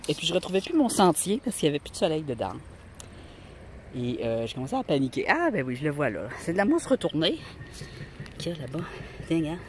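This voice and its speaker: A woman's voice: low voice, a little mellow, a little hiss or hum. A woman with a Québécois accent, chatting casually to viewers while hunting rocks outdoors with a handheld phone. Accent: Québécois French. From Quebec. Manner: chatty and rambling, talks to viewers. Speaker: rock-hunting vlogger. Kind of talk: casual outdoor vlog narration. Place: outdoors on a mountain. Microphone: handheld phone camera.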